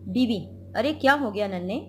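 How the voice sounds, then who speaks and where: Flustered wife at her wits' end, voiced by a woman teacher, hurried and raised. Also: mid-range voice, expressive, a little mellow, soft background music, lightly acted. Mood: worried. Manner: exasperated, hurried, read aloud from a play. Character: harried housewife, flustered and snappish.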